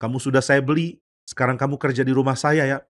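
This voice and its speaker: A man's voice: mid-range voice, level tone, fast, natural voice. A man voicing a wealthy master who speaks in a bossy, talkative way. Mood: jovial. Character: wealthy master, jovial then stern.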